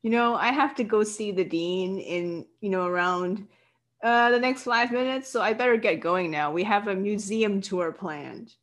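A woman's voice: mid-range voice, normal speed, lightly acted. A polite young man acted out by a woman in improvised story role-play. He sounds reasonable but reluctant, hesitating and making evasive protests.

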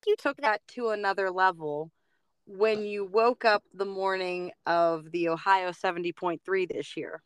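A woman's voice: mid-range voice, a little slow, clear, resonant tone, dry recording. A woman hosting a casual podcast interview, searching for her words with hesitant restarts and laughing along with her guest.

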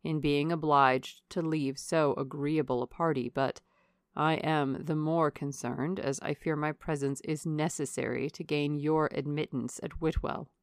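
A woman voicing a grave, courteous, guarded gentleman colonel in a storybook reading, formal and restrained. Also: deep voice, fairly even intonation, unhurried, smooth, dry recording, clean studio sound, voice pushed down. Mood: regretful, firm.

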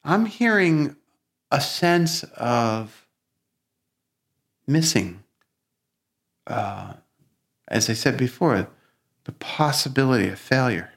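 A man with a Brooklyn accent hosting a reflective coaching conversation, speaking deliberately, probing and repeating words for emphasis. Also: mid-range voice, expressive, gravelly, a bit bright. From Brooklyn, New York. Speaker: podcast host and coach.

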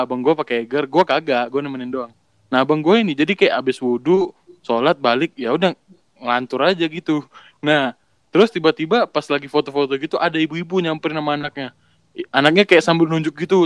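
A man's voice: a little high, brisk, dry recording. A young man telling stories in casual slangy chat, often laughing. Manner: laughing, slangy, animated storyteller.

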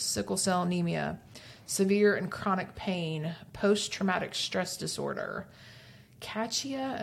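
Low, creaky-voiced woman podcaster. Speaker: podcast co-host. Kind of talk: casual podcast discussion. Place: empty room of a new store studio. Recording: recorded in an empty room.

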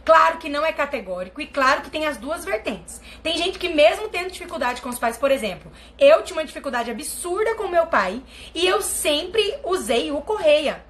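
A woman's voice: normal speed, slight background noise. A woman with a Brazilian Portuguese accent, chatting casually to her live-stream viewers as a family constellation therapist, telling stories with big swings in her voice. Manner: animated storytelling with big pitch swings.

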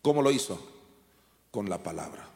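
A man preaching a sermon, swinging from shouted commands down to quiet, low asides. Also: sing-song, moderate pace. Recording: long hall reverb.

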